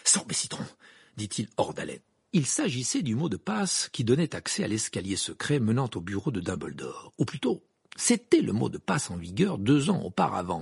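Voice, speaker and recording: A man reading an audiobook aloud in an expressive, scripted narration style. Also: vocal fry, slightly rough, no room sound, studio quality. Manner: expressive reading, wide pitch swings.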